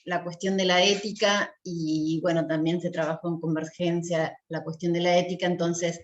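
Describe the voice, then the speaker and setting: Argentine woman asking a question from the audience, hesitant, lowish voice, echoey room with a bit of noise. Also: flat delivery, moderate pace, dull audio. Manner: hesitant, with many fillers. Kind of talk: question from the floor.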